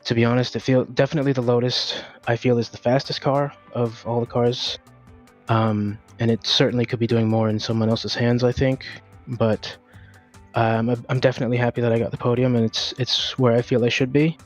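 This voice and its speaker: Brief: breathless driver, mid-pitched man, hesitant post-race interview over music. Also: flat delivery, brisk. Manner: hesitant, filler-heavy, candid. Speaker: racing driver.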